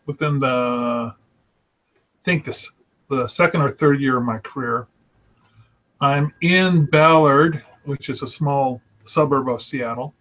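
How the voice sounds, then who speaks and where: A middle-aged man telling anecdotes on a video call, theatrical and quick, bursting into a showy one-breath phone greeting and laughing often. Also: mid-range voice. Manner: animated anecdote teller who laughs often. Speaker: illustrator and show regular. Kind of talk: casual storytelling on a video call. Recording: slightly dull lo-fi call audio.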